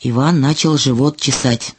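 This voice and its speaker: A woman reading a children's fairy tale in a slow, expressive storytelling manner. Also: a bass voice, slight background noise.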